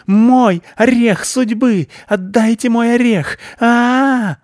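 A man's voice: mid-range voice, expressive, moderate pace, a little mellow, dry recording, studio quality, pitched above the performer's own voice, natural voice. A man voicing a greedy, hysterical female squirrel who shrieks and rants in a storybook reading. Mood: shrieking. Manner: shrieking, frantic, paranoid.

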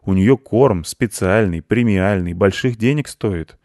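A cocky red village tomcat from a children's storybook, as a man puts him on, loud and pushy. He brags in rough, folksy speech about his mouse hunting. Dry, close sound. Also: lowish voice, a little slow, dry recording. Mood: boastful.

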